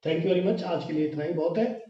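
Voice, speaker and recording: Man, Rajasthani Hindi accent, maths lecture, slow and deliberate, very echoey classroom, far from the mic. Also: on the high side, mellow, lo-fi sound. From India. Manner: slow, deliberate, counting place values aloud. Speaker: math teacher.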